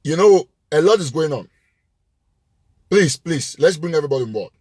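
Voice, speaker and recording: A man's voice: fairly high pitch, animated, moderate pace, darkish tone, husky, no echo, clean studio sound. A man hosting a live show, giving an impassioned, emphatic address that repeats its points with rising force. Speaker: live-show host and political commentator.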